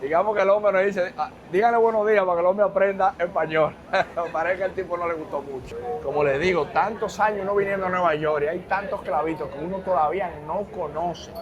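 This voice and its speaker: A man's voice: high-pitched, fairly quick, dull audio, a crowd in the background. A man, a vlog host, talking thoughtfully to camera. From Dominican Republic. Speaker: vlogger host. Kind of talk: reflective talk to camera.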